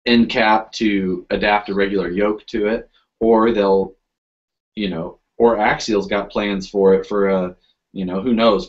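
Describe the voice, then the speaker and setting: A man's voice: lowish voice, muffled recording. A man hosting a casual podcast chat, rambling and filling his talk with "you know" and restarts. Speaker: podcast host.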